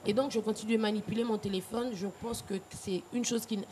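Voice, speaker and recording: A woman's voice: mid-range voice, steady tone, quick pace, warm tone, a little hiss or hum. A woman from Cameroon and Gabon, speaking frankly as a guest in a TV studio interview. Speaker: guest singer.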